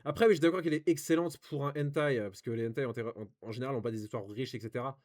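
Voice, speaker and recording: Casting: young French-accented guy, rambly reviewer, mid-pitched voice. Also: very fast, a little mellow. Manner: rambling, many fillers and restarts. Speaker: anime reviewer reading reviews. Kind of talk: casual commentary, reading aloud.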